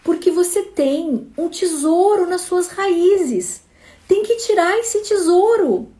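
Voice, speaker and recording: A woman's voice: a little high, moderate pace, warm tone, lightly acted. A woman voicing a restless, stuck man who goes looking for God, speaking urgently in a told parable. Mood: excited.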